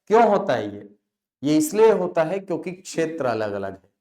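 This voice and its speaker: A man teaching a classroom lecture. He asks questions, answers them himself, and repeats key words slowly to stress them. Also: fairly high pitch, sing-song, mellow.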